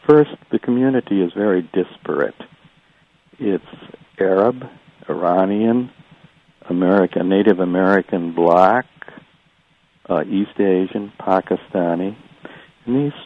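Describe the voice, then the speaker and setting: A man calling in to a radio show over a clipped phone line, speaking in a measured, halting way with many pauses. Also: low-pitched. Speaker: radio call-in caller. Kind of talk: call-in radio comment. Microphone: telephone.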